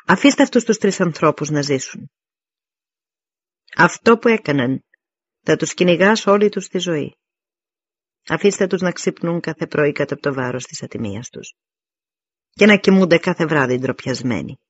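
Brief: stern veteran Spartan warrior, voiced by a male reader, forceful speeches, higher-pitched, dull dry recording. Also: animated, long pauses, slightly rough, dry recording. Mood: commanding.

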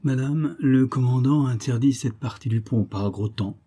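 A man's voice: medium pitch, normal speed, warm tone, breathy edge, natural voice. A man reading the lines of a polite young sailor who is an exiled count.

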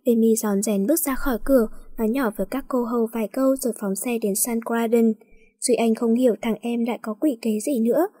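A woman reading a romance story aloud as an audiobook narrator, voicing every part in a soft, even manner. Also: a little high, fairly quick, breathy edge.

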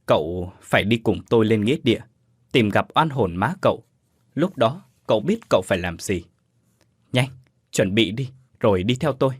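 A sorrowful older woman counsels patience in a spoken ghost story, as a male narrator reads her lines. Her voice is husky and slow. It is recorded close and dry. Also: fairly low pitch, lively intonation, no echo. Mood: solemn. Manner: slow, solemn, measured.

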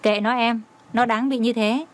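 A man's voice: very high voice, steady tone, normal speed, a bit bright. A woman voicing a stern young male boss who gives short, commanding orders. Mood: gentle. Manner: curt, commanding.

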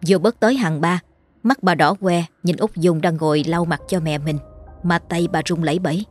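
Low-voiced woman narrating a ghost story. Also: soft background music. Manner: measured, ominous storytelling. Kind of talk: scripted horror story narration.

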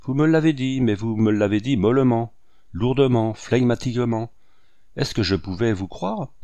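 A man reading the lines of a haughty, indignant middle-aged Englishwoman in an audiobook, scolding with rapid reproachful questions. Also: medium pitch, mellow, no echo, natural voice.

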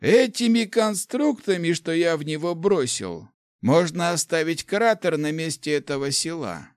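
A man's voice: a little high, big pitch swings, unhurried, no echo, clean studio sound, pitched above the performer's own voice. A man voicing a grumpy, gloomy old male mage who grumbles his lines in an audiobook. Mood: grumbling. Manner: grumbling, growling. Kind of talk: audiobook character voice.

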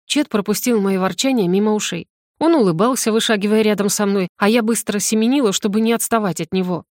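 A woman reading a first-person audiobook in an even, storytelling manner. Her pitch sits in the middle range. The recording is dry and close. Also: fast, dry recording. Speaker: audiobook narrator.

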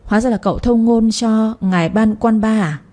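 A man's voice: sits high, moderate pace, dark tone, lightly acted. A woman voicing a male household servant who scolds and gloats while accusing in a storybook reading.

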